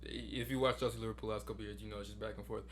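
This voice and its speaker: A man talks quickly and insistently in a casual sports podcast debate, pressing his case over his co-host's interruptions. A faint hum sits under his voice. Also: on the low side, steady tone. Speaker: podcast co-host.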